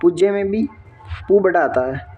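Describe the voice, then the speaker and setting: A man's voice: sits high, lively intonation, moderate pace, phone-quality sound, faint music behind. A man working through an exam answer key step by step, often checking in with his viewers. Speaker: exam tutor.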